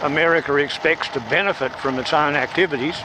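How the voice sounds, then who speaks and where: A man talking slowly and deliberately through a motorbike helmet microphone while riding outdoors. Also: on the high side. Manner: slow, measured, deliberate delivery. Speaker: vlogger. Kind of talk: political commentary monologue while riding. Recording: loud wind and road noise on a helmet mic.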